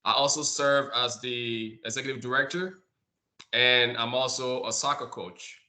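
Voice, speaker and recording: A man's voice: mid-range voice, unhurried, pushed and bright. A man from Liberia, a nonprofit co-founder and director, speaking on an online community call, often repeating words as he searches for them. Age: adult. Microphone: video call.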